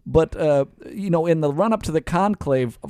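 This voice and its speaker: A lively male interviewer whose pitch rises and dips with every joke. He talks in quick bursts, tripping over his own restarts and poking fun at himself, in a dry, close sound. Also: clear, resonant tone, no room sound. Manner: animated, jokey, self-deprecating, stammers restarts. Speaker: host. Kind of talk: casual interview chat. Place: Canada.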